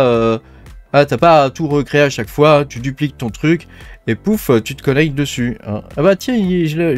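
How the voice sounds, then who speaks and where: A man hosting a casual screen-share tech tutorial, talking informally to the viewer with many fillers. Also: medium pitch. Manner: chatty, informal, frequent "hein" and "tu vois" fillers.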